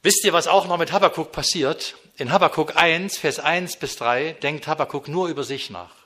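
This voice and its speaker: A man preaching a sermon in speech, earnest, moving between emphatic declarations and hushed, intimate passages. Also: fairly high pitch, moderate pace.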